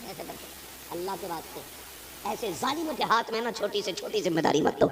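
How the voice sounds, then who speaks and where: A male imam with a north Indian Urdu accent preaching a sermon, who tells stories and asks pointed rhetorical questions. He moves between quiet, chatty asides and loud, forceful exhortation. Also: high-pitched, expressive, background noise. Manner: emphatic, swings from soft asides to loud exhortation; conversational storytelling with rhetorical questions. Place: religious gathering before a live audience. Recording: live gathering with audible crowd.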